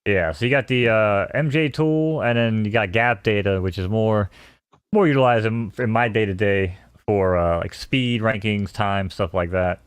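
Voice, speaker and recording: A man's voice: on the low side, moderate pace, clean tone, no room sound. A man co-hosting a live stream, chatting loosely and casually with some swearing. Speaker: stream co-host.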